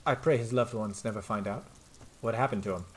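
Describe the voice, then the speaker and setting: A man voicing a calm, measured adult lieutenant in a detective video game, in a quiet, even reading voice. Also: on the low side, natural voice.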